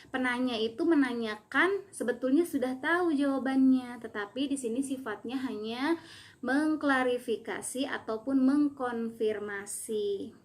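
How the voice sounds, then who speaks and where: Patient woman teacher explaining grammar. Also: fairly high pitch. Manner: patient explaining, reads example questions aloud. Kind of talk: remote class lesson.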